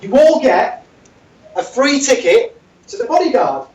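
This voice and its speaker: Playing the joking health and safety manager, a flamboyant, gossipy and teasing boss who laughs as he talks, the man uses a very high, darkish voice with a heavily acted, very animated delivery at a slightly slow pace. The recording is distant and dull, in a roomy, noisy hall.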